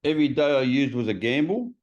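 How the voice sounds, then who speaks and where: A podcast host with a medium-pitched, lively voice talks fast in a casual chat, being blunt and swearing freely while acting out other people's voices. The lo-fi recording sounds slightly dull.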